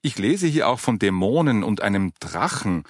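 A man's voice: fairly low pitch, very animated, moderate pace, dry recording. Man reading puzzled male listener, bewildered questioning, dry sound.

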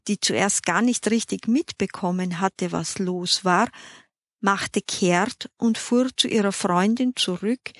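A woman reading a children's story aloud in a measured, even manner. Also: mid-range voice, no room sound, studio quality. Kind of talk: scripted narration.

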